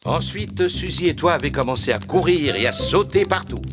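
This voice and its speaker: A man voicing a jovial, proud, gentle big daddy pig in a preschool cartoon, good-natured, chuckling and mildly pompous. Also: on the high side, expressive, normal speed, close to an everyday voice. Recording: loud cartoon music underneath.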